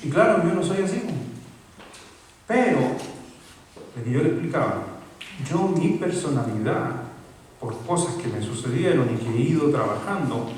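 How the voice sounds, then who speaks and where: A man's voice: fairly high pitch, animated, normal speed, long pauses, a little mellow, slight background noise. A man preaching a sermon as a pastor, talking conversationally and putting questions to his congregation. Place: church hall. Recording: echoey church hall from far off.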